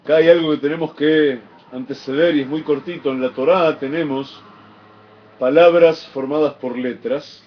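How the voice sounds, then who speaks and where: A man teaching a Torah lesson in a voice that sits a little high for a man. He explains patiently and stresses words with feeling, sometimes chanting Hebrew phrases. The recording is dull and muffled. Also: fairly even intonation, normal speed.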